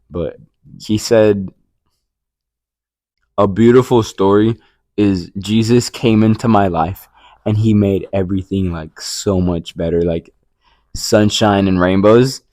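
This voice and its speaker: Speaking in a deep, warm voice, this young Puerto Rican co-host rambles through his faith story in casual conversation, with lots of fillers and restarts. The recording is dry.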